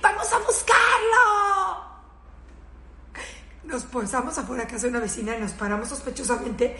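A middle-aged woman with a Mexican accent tells a comic anecdote, animated and swearing, laughing through her words. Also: a little high, fast. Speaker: storyteller. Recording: echoey room.

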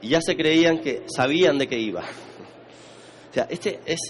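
A man's voice: fairly high pitch, lively intonation, normal speed, slight background noise. Chatty Spanish man giving a lecture. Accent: Spain Spanish. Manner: conversational, often repeats words and checks understanding. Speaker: teacher of Eastern arts. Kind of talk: lecture to a live audience.

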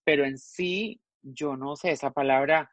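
A woman's voice: deep voice, unhurried, dry recording. A woman chatting on a talk show panel, telling stories animatedly and acting out both sides of conversations. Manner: animated storyteller, acts out both sides of phone calls. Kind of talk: casual chat.

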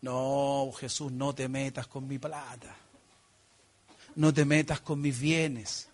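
A man's voice: mid-range voice, flat delivery, slow, voice pushed down. A preacher voicing a reluctant rich young man. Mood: pleading.

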